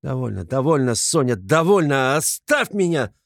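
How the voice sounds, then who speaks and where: A man playing a tormented, gloomy young man who speaks bitterly and often quietly in a storybook reading. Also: lowish voice, normal speed, gravelly, no room sound, clean studio sound.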